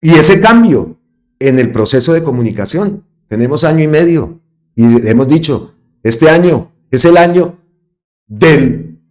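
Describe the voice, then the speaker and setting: A man's voice: on the high side, expressive, measured pace, a little mellow. A man hosting his own political commentary channel, talking emphatically and repeating phrases for stress. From Colombia. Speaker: host of an online political channel.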